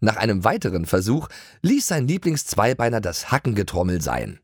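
Male audiobook narrator for children; deep, husky, very lively delivery, dry studio. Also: normal speed, no room sound. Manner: lively storytelling. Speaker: audiobook reader.

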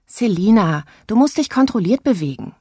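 A woman's voice: medium pitch, normal speed, husky, no echo, studio quality, voice pushed up. Grace, a woman doing a bossy eager young girl. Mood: coaching. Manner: coaching, insistent, animated.

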